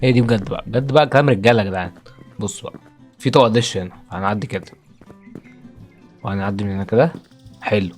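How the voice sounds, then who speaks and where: A man's voice: lowish voice, quick pace, pauses often, soft background music. A young Egyptian man with an Egyptian accent, commentating his own gameplay, frustrated and repeating himself as he talks through each move. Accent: Egyptian Arabic. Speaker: gaming YouTuber.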